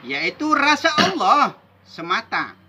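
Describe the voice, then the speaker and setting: A man's voice: very high-pitched, sing-song, takes it slowly, background noise. Emphatic man teaching Sufi mysticism. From Indonesia. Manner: rhythmic, emphatic, ends points with "begitu". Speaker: religious teacher.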